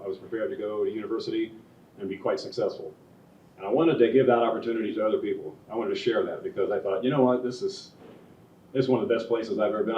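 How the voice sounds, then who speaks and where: Fast-talking older man, homespun and chatty. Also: fairly low pitch, warm tone, a little hiss or hum. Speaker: school board member and candidate. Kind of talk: candidate forum answer. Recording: echoey room from far off, dull sound.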